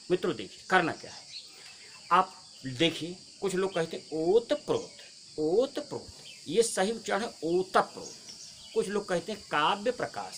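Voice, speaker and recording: A man's voice: a little high, a bit bright, a little hiss or hum. A man giving a spoken spelling lesson outdoors, explaining step by step and addressing viewers as friends. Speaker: Hindi teacher. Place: outdoors in nature.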